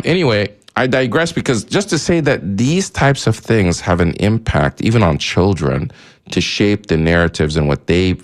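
This call-in radio host is from Egypt and speaks Arabic natively. His voice is deep and gravelly with vocal fry, and his talk wanders, doubling back on itself with plenty of fillers and fresh starts.

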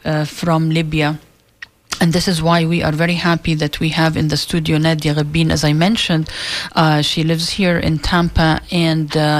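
A woman hosting a live radio talk show in a studio, speaking haltingly with many filler sounds. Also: lowish voice.

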